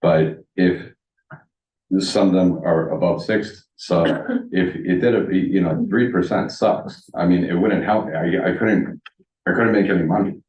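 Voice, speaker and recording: A very low-pitched man speaks bluntly at a village board public comment, rambling and restarting his sentences. He is heard from a distance in a large, echoey meeting room. The pickup sounds dull and muffled. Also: fairly even intonation, measured pace, a little mellow. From United States. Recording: roomy meeting hall, distant dull mic.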